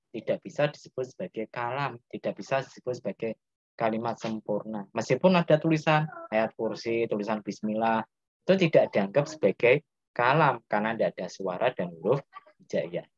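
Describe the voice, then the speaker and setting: A man's voice: medium pitch, expressive, fairly quick, no room sound, lo-fi sound. A man with a Javanese accent teaching a class and quizzing his students as he explains. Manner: asks students questions, explains step by step. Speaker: Islamic grammar teacher. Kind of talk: interactive classroom lesson.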